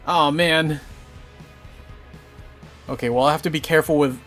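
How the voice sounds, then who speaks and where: A man's voice: a little high, steady tone, very fast. A young man chatting casually on a live stream while building a model kit, rambling and swearing lightly. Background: faint game music.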